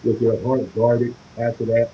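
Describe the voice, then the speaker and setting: A man's voice comes across muffled and dull, as if heard through a wall, over a phone on a group video call. Faint noise sits under it. He speaks haltingly, restarting his sentences as he searches for words. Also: mid-range voice, level tone. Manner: halting, hesitant, with many restarts. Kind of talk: casual group discussion.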